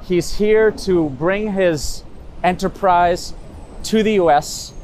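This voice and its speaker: A man's voice: high-pitched, slow pace, a little mellow, a little hiss or hum. A man hosting an interview outdoors, asking curious, probing follow-up questions in a casual tone. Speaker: interview host. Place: outdoors in a city with traffic nearby.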